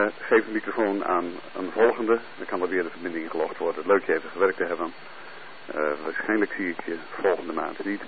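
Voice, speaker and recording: A man chatting on air as an amateur radio operator, heard over a two-way radio link, relaxed and hesitant with many filler pauses. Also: deep voice. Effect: heard over a two-way radio transmission. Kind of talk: casual on-air radio chat with call signs. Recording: tinny radio-band sound with faint hiss.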